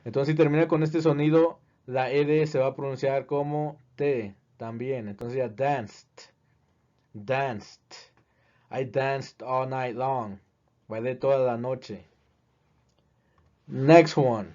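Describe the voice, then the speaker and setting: A man teaching in a video lesson, speaking slowly and deliberately and repeating each word as a drill. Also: mid-range voice, steady tone, dark tone. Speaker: English teacher. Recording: dull, lo-fi recording.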